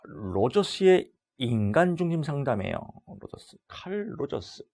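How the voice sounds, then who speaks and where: A middle-aged man giving an exam-prep lecture, loud and animated, acting out little dialogues as he teaches. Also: on the high side, a little slow.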